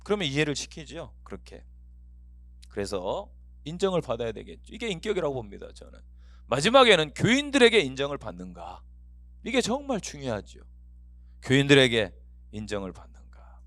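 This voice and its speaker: Lively, animated middle-aged pastor. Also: male voice, mid-range voice, fairly quick, long pauses, no echo. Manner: lively storytelling with anecdotes and acted quotes. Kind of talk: lecture to pastors.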